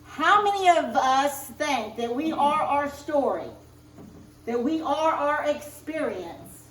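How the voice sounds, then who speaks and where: A woman minister preaching a sermon, speaking in slow, emphatic spiritual affirmations, recorded in a church sanctuary. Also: sits high, expressive, fairly bright tone, a little hiss or hum. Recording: roomy distant church recording.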